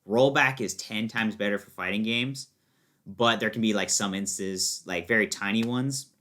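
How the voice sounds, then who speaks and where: A young American man who plays fighting games chats casually as a podcast guest, explaining things in an informal, rambling way full of fillers. His voice is fairly low in pitch, bright and forceful, at a normal speed.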